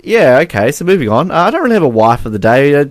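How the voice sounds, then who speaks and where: A young man co-hosting a podcast in casual chat, animated and laughing, full of fillers. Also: a little high, fast, dry recording. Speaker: podcast co-host.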